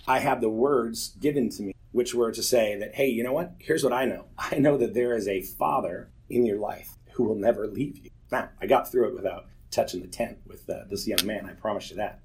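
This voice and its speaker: On a low-quality recording, a man in his forties speaks with a fairly low pitch and a darkish tone. He offers a church group a sincere, open testimony, laughing at himself through the stories he tells.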